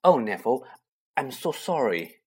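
A man's voice: medium pitch, very animated, normal speed. A man voicing a clever, earnest schoolgirl who speaks in a sorry, pleading way.

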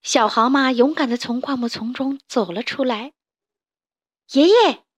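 A woman telling a story to children in a gentle, expressive way. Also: fairly high pitch, moderate pace.

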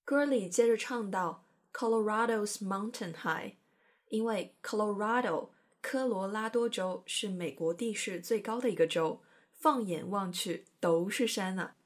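A woman's voice: mid-range voice, measured pace. Chatty woman hosting a language lesson. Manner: chatty, playful explaining with careful pronunciation demos. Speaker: host of an English-learning program. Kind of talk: educational podcast narration.

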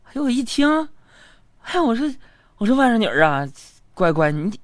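A man's voice: very high-pitched, big pitch swings, moderate pace, no room sound, studio quality. A male stand-up comedian telling stories on a live comedy stage, acting out relatives in character voices.

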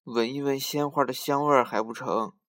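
A man's voice: medium pitch, fairly even intonation, normal speed, fairly bright tone, lightly acted. A man voicing a worried, weeping old grandmother in a children's story, speaking plaintively. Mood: sorrowful.

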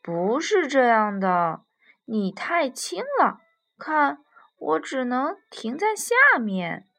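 A big gentle giraffe from a children's storybook, put on by a woman. He talks in an earnest, insistent way. The voice sits high, with a gravelly edge. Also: sing-song, slow pace, exaggerated voice.

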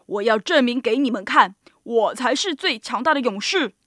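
A woman voicing a huge bullying male giant who bellows loudly in a storybook reading. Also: on the high side, expressive, moderate pace, dry recording, studio quality. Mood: roaring. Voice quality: loud, bellowing.

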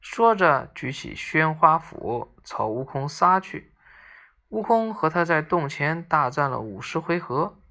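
A storyteller giving a lively, expressive reading of a classic tale for children. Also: medium pitch, unhurried.

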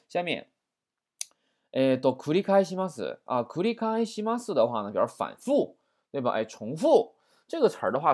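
A man teaching a vocabulary lesson in a chatty way, often asking "right?". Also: medium pitch. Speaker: Japanese language teacher.

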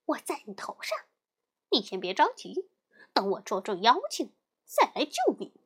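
A woman's voice: fairly high pitch, wildly swooping pitch, moderate pace, slightly rough, exaggerated voice. A woman voicing a cheeky, confident male monkey king in a children's storybook reading, talking curtly. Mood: reassuring. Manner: curt, scolding, confident.

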